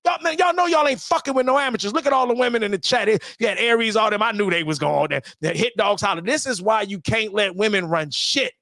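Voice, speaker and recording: Fast and with few pauses, a man's high, bright, forceful voice drives a heated livestream rant on the channel he hosts. The clean studio sound has no echo; he curses constantly, repeats himself, and stammers into restarts.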